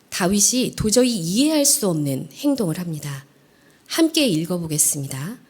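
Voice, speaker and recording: A woman delivers an earnest dawn prayer sermon, her pitch swinging widely as she rises on key words and then sinks to soft, almost whispered phrase endings. She speaks as an evangelist addressing her congregation. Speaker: evangelist preaching.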